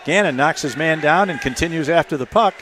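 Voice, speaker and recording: A man giving hockey play-by-play commentary, keeping a steady call that jumps to shouts on shots and goals. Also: a little high, fairly quick, slight background noise. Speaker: play-by-play announcer.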